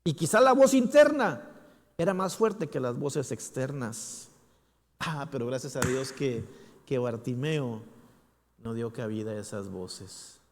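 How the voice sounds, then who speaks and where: A man preaching a sermon in a church, emphatic, with dramatic pauses and repetition. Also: medium pitch, slight background noise. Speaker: pastor. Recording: long church hall reverb.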